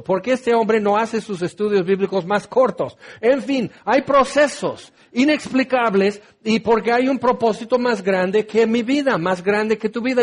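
A male pastor teaching a Bible study sermon in an animated, joking way, with dramatic swings in pitch.

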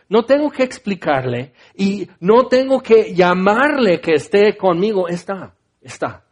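A man's voice: high voice, darkish tone. A middle-aged man with a Mexican accent preaching a heartfelt personal testimony in a conversational way, often restarting his sentences. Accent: Mexican Spanish. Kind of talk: testimony sermon.

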